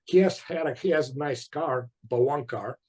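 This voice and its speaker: A man from Bulgaria hosts a relaxed interview. He talks in animated, quick bursts, full of fillers and restarts, and his voice sits at an ordinary middle pitch. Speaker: interview host. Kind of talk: casual interview chat.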